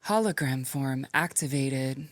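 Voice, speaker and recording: A man doing a slow, measured robot voice for a feminine AI assistant as a comedy bit. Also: medium pitch, fairly bright tone, no echo, studio quality, lightly acted. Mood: obliging.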